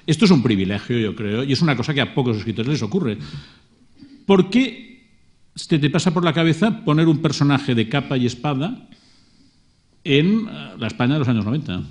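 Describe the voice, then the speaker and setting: Spanish male interviewer, long questions. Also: mid-range voice. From Spain. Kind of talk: public onstage conversation.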